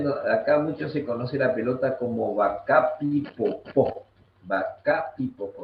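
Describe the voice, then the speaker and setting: A man with an Argentine accent, a guest teacher patiently explaining things in an online talk and repeating key words rhythmically. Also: on the low side. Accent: Argentine Spanish. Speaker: guest teacher of Guaraní language and culture. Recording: echoey muffled room with faint noise.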